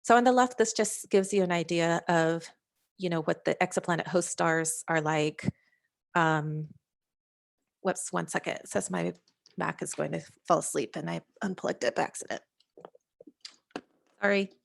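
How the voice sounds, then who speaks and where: A woman scientist presenting slides over a video call, talking in a halting way with frequent fillers and restarts. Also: fairly low pitch, vocal fry. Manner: hesitant, many fillers and restarts. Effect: heard over a video call. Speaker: scientist presenting a working-group overview.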